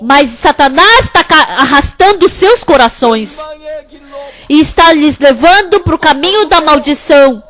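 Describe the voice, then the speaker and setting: High-voiced woman interpreting a sermon. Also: expressive, a little slow, fairly bright tone. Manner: emphatic, repetitive preaching cadence.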